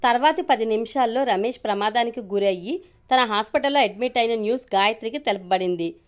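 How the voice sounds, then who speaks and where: A woman storyteller reading a love story aloud with steady, measured narration. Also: fairly high pitch.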